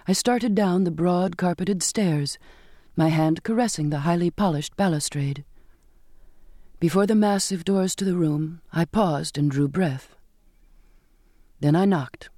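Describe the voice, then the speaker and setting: A man narrating a first-person story in a measured, even way as an audiobook reader. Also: fairly high pitch, dry recording, clean studio sound.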